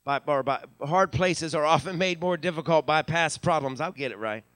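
During a live service in a church sanctuary, a male preacher from the United States delivers his sermon at a moderate pace in a voice that is high and bright, captured dry. Hallelujahs and call-outs to the people come often, and he repeats phrases to push toward loud peaks.

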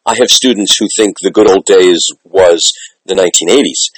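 Hosting an interview, this middle-aged or older communications and theatre teacher speaks emphatically and conversationally like a teacher, repeating phrases to add weight. His voice is low and his speed normal. The recording is rough and has no room sound.

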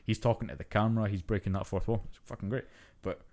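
A man's voice: fairly low pitch, fast. A young man co-hosting a podcast, ranting casually and swearing freely as he chats. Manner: profane, ranting, animated. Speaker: podcast co-host. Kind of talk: casual chat.

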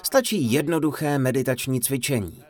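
A man giving a humorous dharma talk, telling a funny story in an animated, playful way. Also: mid-range voice. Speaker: Czech voice-over of a Buddhist teacher's talk.

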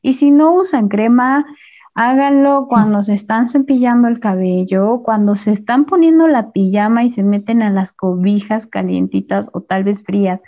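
Guest, woman, gentle and encouraging, warm voice, muffled lo-fi sound. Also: fairly high pitch, moderate pace. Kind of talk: casual conversation. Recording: dull lo-fi sound.

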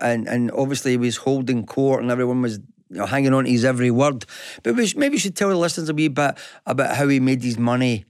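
A Scottish man co-hosts a business radio show at an ordinary male pitch. He talks casually, pausing and restarting often as he thinks. The studio sound is dry and close. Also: a little mellow, dry recording. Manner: conversational, hesitant, many restarts. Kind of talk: business talk radio chat. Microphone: studio microphone.

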